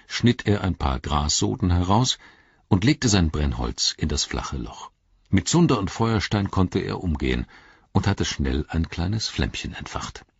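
A deep male voice reading an audiobook in a measured storytelling manner, husky and lively in melody. The sound is dry and close with a dull, lo-fi tone. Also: no room sound. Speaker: narrator.

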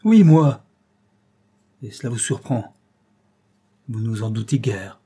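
Raging tormented nobleman, as a male reader plays him, bitter and vehement, warm husky tone. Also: mid-range voice, lively intonation, slow pace. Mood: anguished confession. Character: enraged guilt-ridden aristocratic count, older man.

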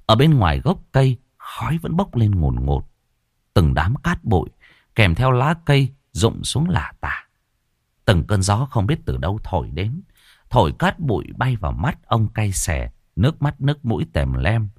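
A man narrating a horror story in an expressive storytelling manner. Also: fairly low pitch, normal speed, no room sound, clean studio sound. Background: faint background music.

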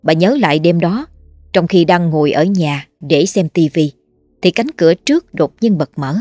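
A woman narrating a horror story in a measured, dramatic way. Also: fairly low pitch, warm tone, no echo. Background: faint music.

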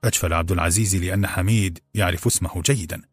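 A man narrating an audiobook in a measured, grave storytelling manner. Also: sits low, steady tone, breathy edge, no room sound, faint music behind. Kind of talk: scripted narration.

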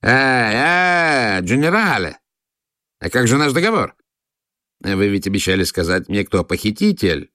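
An excitable Italian count who blusters and shouts, his voice pitched well above the reader's own, as a man puts him on in an audiobook. The delivery swings widely. It is recorded close and dry. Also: quick pace, no echo. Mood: alarmed. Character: excitable scheming Italian count, police chief, middle-aged man. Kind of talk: audiobook character voice.

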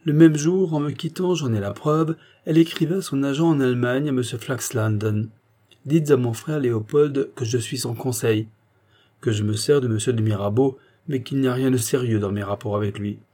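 A man's voice: medium pitch, moderate pace, warm tone, natural voice. A man reading the part of a proud, fiery middle-aged statesman in an audiobook, speaking in an impassioned, declamatory way.

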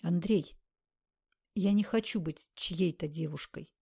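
A woman voicing an earnest, serious young woman who speaks softly. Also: mid-range voice, moderate pace, natural voice.

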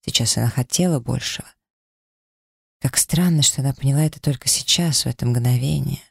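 A man narrating a romance audiobook in a calm, measured storytelling manner. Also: medium pitch, gravelly, breathy edge, no echo, studio quality. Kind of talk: scripted narration.

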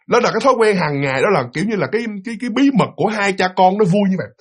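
A young man telling a ghost story in an animated way, acting out the voices of a father and a frightened child. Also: high voice, very fast, husky.

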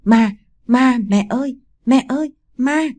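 A panicked young wife pleads in a high, shaky rush, put on by a woman narrator. The tone stays husky and dark. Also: lively intonation, moderate pace. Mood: terrified. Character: terrified young daughter-in-law, guilty and scheming.

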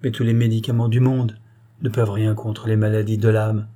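A proud but despairing queen, as a male reader puts her on, sorrowful and weary. The husky, mellow voice lifts slightly for her, swinging between hushed and stronger phrases. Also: lowish voice, little pitch movement, a little fast, lightly acted. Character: grieving, fearful queen, proud yet despairing.

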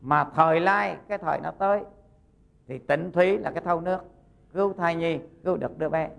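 A Buddhist monk, giving a sermon as folksy storytelling and acting out the characters' lines. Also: male voice, fairly high pitch, fairly quick, gravelly, a bit bright.

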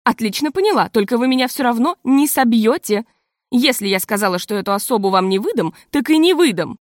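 Woman voicing a stubborn female guest, scornful, insistent, high-pitched, dry close recording. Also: lively intonation, fairly quick, dry recording, close to an everyday voice. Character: stubborn gossiping female guest, middle-aged, smug and pushy. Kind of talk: audiobook character reading.

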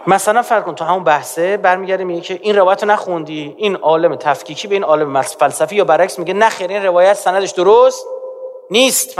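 A male preacher with a fairly high voice, lecturing emphatically and pressing the audience to pay attention. His speech swings between quiet asides and raised points. It rings with a long reverb from a large hall. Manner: emphatic, keeps urging the audience to listen. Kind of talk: religious lecture.

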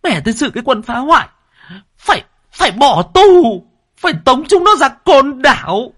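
Man putting on a shrill indignant older woman. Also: sing-song, normal speed, pushed and bright, slightly rough, full character voice. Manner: shrill scolding.

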